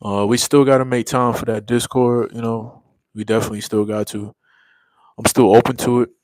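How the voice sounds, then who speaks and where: A young man runs a casual livestream, reading comments in a drawling, laid-back way full of slang, yawning from a long day's fatigue. He speaks briskly in a medium, slightly mellow voice with flat delivery, recorded dry.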